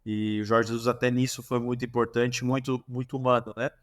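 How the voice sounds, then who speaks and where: A man's voice: medium pitch, level tone, brisk. A Brazilian man, a former goalkeeper, telling anecdotes in a casual interview, with many restarts and self-corrections.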